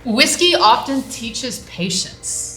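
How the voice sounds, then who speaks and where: Upbeat woman host, bright voice, playful, echoey room with soft music. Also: fairly high pitch, big pitch swings, slow pace. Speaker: show host. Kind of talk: casual hosted interview.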